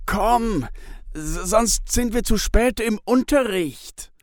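A man's voice: sits high, lively intonation, slow, no echo, clean studio sound, pitched above the performer's own voice. A man reading a children's story, voicing an eager young schoolboy in a raised, urgent voice.

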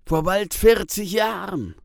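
A man voicing a troubled father who recalls a harsh childhood at school, with a halting, emotional delivery. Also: high-pitched, gravelly, no room sound, studio quality, voice pushed up, full character voice. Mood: pained. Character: troubled adult father haunted by school beatings.

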